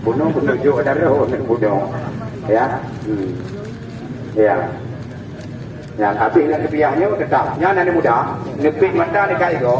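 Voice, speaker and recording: A man's voice: mid-range voice, moderate pace, pauses often. Noisy, distant Acehnese street hawker, male. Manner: joking, bantering with onlookers. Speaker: street medicine seller. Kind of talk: comic open-air sales pitch. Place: outdoors in a town square. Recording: distant, echoey, noisy outdoor recording.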